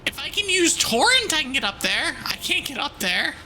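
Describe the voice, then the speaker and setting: A woman with a high, very animated voice hosts a game livestream. She has a cute, bubbly anime-streamer way of talking, playful and a little mock-bossy. Light music plays behind her. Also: normal speed. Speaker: streamer, VTuber. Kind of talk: livestream game commentary, chatting to viewers.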